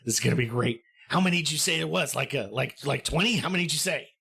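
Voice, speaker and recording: A man's voice: fairly high pitch, animated, creaky, sharp tone, slightly rough, exaggerated voice. A man doing a jumpy, eager young outlaw. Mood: excited. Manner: eager and fast-talking.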